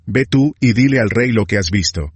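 A blunt, stern commander with a low, husky voice, read by a man narrating. The recording is dry and close. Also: lively intonation, moderate pace, no room sound. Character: stern male army commander.

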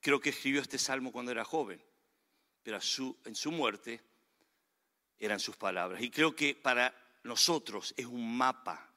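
A man's voice: medium pitch, pushed and bright. A man preaching a sermon as pastor, earnest and emphatic, his delivery swelling and falling back. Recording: long reverb of a large hall.

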